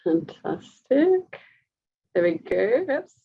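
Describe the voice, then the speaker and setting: A woman's voice: mid-range voice, lively intonation, moderate pace, no room sound, phone-quality sound. An Australian woman, a dietitian, giving a live webinar presentation over a video call in an upbeat, direct, chatty way.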